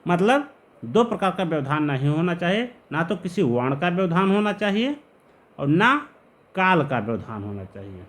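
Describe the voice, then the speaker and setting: A man teaching Sanskrit grammar to students, patiently explaining rules and slowly repeating key terms. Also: sits high, big pitch swings, a bit bright.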